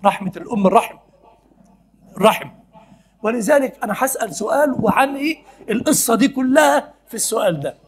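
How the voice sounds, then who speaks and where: A man preaching with an Egyptian accent in a very high, quick voice. He talks to his listeners casually, keeps asking them questions and laughs often as he explains. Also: animated, slight background noise. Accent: Egyptian Arabic. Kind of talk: conversational sermon.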